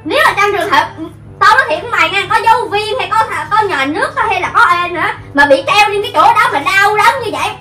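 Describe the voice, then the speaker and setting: A sharp-tongued woman with a Southern Vietnamese accent, swearing and talking back in a casual argument. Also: very high voice, animated, fast. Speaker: vlog co-star. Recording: roomy distant mic with clear background noise.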